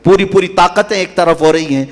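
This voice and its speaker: Impassioned preacher in a reverberant hall. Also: male voice. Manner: impassioned, rising to high emphatic peaks and dropping low for solemn lines. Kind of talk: sermon.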